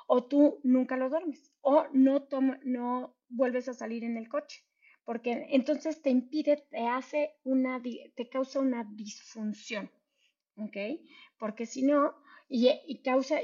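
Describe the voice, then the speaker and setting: A woman's voice: on the high side, mellow, dull audio. A woman, a mental health specialist explaining earnestly in an interview, with many fillers and restarts.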